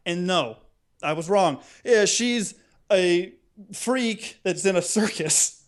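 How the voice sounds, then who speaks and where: A podcast co-host with a notably high-pitched voice rants comically in casual chat, speaking slowly. His delivery is excitable and theatrical, acting out reactions as he goes.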